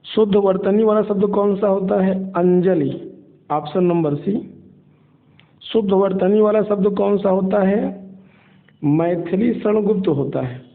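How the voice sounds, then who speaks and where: A man leads an exam prep class, going through the questions in a steady, methodical way and repeating each answer. His voice sits high. The sound is thin and tinny, like a phone line. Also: a little slow. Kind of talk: spoken quiz lesson.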